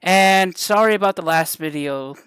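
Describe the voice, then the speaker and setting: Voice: mid-range voice, moderate pace, fairly bright tone, smooth, no echo. A host casually welcoming viewers and introducing the reader, in a loose, friendly way. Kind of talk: casual chat.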